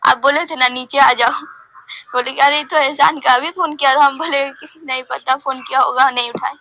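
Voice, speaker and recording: Hushed anxious woman, high and bright. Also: steady tone, moderate pace, a little hiss or hum. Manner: hushed and anxious, often dropping to a murmur. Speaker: nurse. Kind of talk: private phone conversation.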